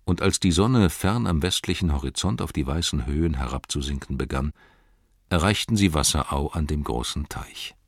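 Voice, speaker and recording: A man reading a fantasy novel aloud as audiobook narrator, steady and even. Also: a bass voice, moderate pace, no room sound, clean studio sound.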